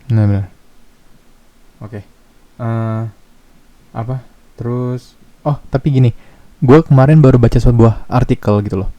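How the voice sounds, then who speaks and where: A young man with a Jakarta slang accent hosting a casual podcast chat, relaxed and searching for his words. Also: mid-range voice, unhurried, pauses often, muffled recording. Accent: Jakarta slang Indonesian. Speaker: podcast host.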